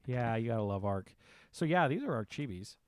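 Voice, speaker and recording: A man's voice: mid-range voice, very animated, fairly quick, dry recording. Chatty upbeat man hosting a game stream. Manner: chatty, upbeat, reads viewer comments aloud. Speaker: livestream host. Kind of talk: casual live-stream chat. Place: home.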